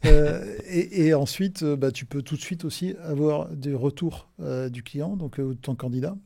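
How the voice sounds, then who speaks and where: Gravelly middle-aged man, hesitant chat. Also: a little high, moderate pace, warm tone, no room sound. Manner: hesitant, many fillers and restarts, informal. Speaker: podcast guest, recruitment firm director. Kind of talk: casual podcast interview.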